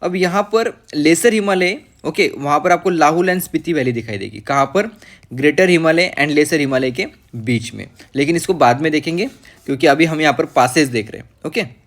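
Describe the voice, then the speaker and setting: A man with a slightly high-pitched voice gives an exam-prep geography lesson from a map. He mixes English terms into his Hindi and checks in with "okay" after almost every point. He pauses with fillers and corrects himself as he goes. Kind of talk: map-based lecture.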